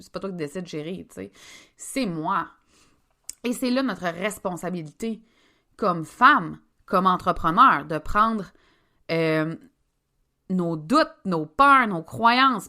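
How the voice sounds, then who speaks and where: Québécois woman, podcast host and coach, bright and chatty, emphatic, close mic. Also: medium pitch. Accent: Québécois French. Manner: chatty, emphatic, addresses listeners directly. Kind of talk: casual podcast monologue.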